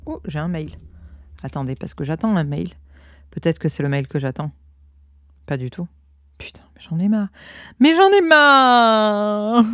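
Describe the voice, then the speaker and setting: A podcast host with a Cantal accent from Auvergne chats casually as she crochets, rambling with many fillers. Her voice is lowish and darkish, recorded at studio quality on her own close mic with no room sound.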